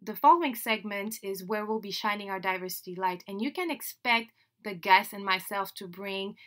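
A woman's voice: medium pitch, moderate pace, fairly bright tone. A woman from Senegal whose first language is French, hosting her podcast in a chatty, upbeat way with laughs between phrases. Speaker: podcast host. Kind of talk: solo podcast introduction.

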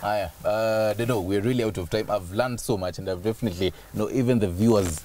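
A Kenyan man hosting a TV interview from inside a parked car, asking questions in a halting way with many restarts. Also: lowish voice, a little mellow, a little hiss or hum. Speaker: TV show host. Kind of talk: TV interview, mixing English and Swahili.

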